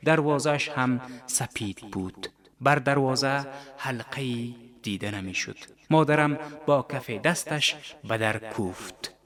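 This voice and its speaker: A man reading a literary story on radio, calm and measured. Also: medium pitch. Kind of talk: scripted literary narration.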